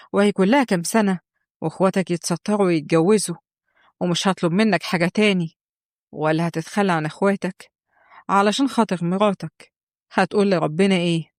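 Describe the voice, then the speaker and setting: A woman's voice: fairly low pitch, dry recording, close to an everyday voice. Older mother figure, Egyptian accent, nagging, reproachful, scheming, a woman reading her, dry sound. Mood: guilt-tripping. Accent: Egyptian Arabic. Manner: scolding, guilt-tripping.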